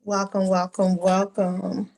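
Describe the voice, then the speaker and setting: A woman instructor runs an online orientation for a hair school over a video call. She calls on students one by one in a friendly but directive way, with a voice of ordinary pitch. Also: monotone, slow pace, a little mellow, low-quality recording.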